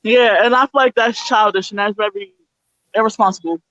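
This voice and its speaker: A woman's voice: medium pitch, fairly even intonation, brisk, fairly bright tone, no room sound, lo-fi sound. A young woman guest telling her own story bluntly and candidly, swearing freely. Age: young adult. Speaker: interview guest.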